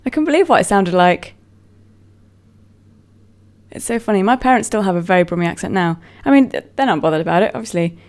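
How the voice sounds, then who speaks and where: A woman's voice: mid-range voice, lively intonation, fairly quick, pauses often, a little mellow. A woman with a neutral British accent chatting casually to camera, rambling and self-mocking, trailing off with fillers. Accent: neutral British English. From England. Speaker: vlogger.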